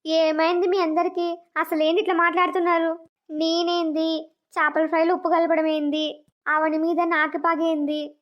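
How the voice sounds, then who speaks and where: A squeaky scheming sister-in-law. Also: female voice. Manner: sly, then loudly self-pitying denials. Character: scheming young woman, spiteful sister-in-law. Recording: dull lo-fi cartoon audio.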